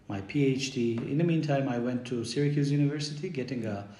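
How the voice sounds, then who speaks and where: A middle-aged man from Bulgaria, a university professor, answering podcast questions in a hesitant way with many pauses and fillers. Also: medium pitch, dark tone, echoey room. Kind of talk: podcast interview.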